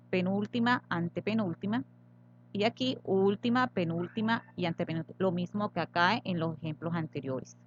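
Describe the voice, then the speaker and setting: A woman teacher explaining Spanish syllables and accents slowly and patiently in a recorded grammar tutorial. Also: mid-range voice, highs cut off.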